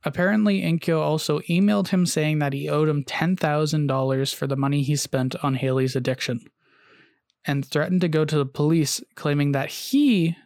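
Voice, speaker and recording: A man's voice: fairly high pitch, steady tone, moderate pace, vocal fry, darkish tone, no room sound, clean studio sound. A man hosting a casual podcast, telling a story with frequent "uh"s and restarts and reading long quotes aloud. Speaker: podcast host.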